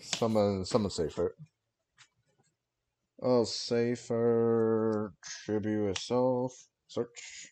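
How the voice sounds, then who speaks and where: A man with a slightly low voice talks through a headset mic on a livestream. He calls his card plays in terse bursts and pads them with fillers. The tone stays casual. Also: steady tone, very slow, pauses often, dark tone, a little hiss or hum. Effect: livestream headset mic audio. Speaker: streamer and card game player. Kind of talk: casual play-by-play commentary of his own turn.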